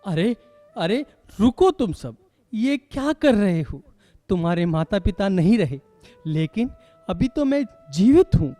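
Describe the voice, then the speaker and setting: A man's voice: sits high, mellow, no room sound, full character voice. A man playing a stern but caring elderly grandfather in a school stage play, lecturing his quarrelling grandsons. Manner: reproachful, lecturing.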